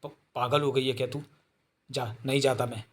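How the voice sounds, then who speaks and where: A man's voice: mid-range voice, steady tone, normal speed, lightly acted. A man voicing a hot-tempered young man who snaps curt, harsh commands. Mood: irritated.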